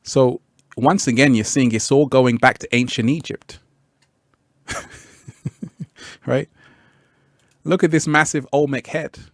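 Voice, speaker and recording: A man's voice: mid-range voice, fairly even intonation, slow, long pauses, no echo, studio quality. A man hosting a live stream, chatting with viewers and reading their comments in a laid-back way, laughing often and repeating his phrases. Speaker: livestream host.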